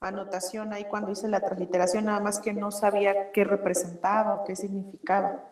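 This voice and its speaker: A woman's voice: medium pitch, little pitch movement, a little fast, darkish tone, echoey room. A woman student asking questions in class, hesitant and correcting herself as she goes.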